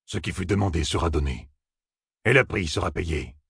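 A man voicing eerie fox-like strangers who speak in low, cold murmurs, read close and dry. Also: lively intonation, normal speed, creaky, fairly bright tone, husky, no echo, exaggerated voice. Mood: cryptic cold.

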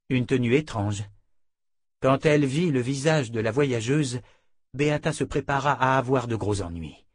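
A man reading a fantasy novel aloud in calm, even scripted narration. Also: medium pitch, dry recording. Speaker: audiobook narrator.

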